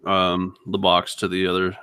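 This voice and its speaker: A man's voice: deep voice, completely flat delivery, moderate pace, pushed and bright, clean tone, no echo. A man playing a tabletop role-playing game who speaks in character and laughs often.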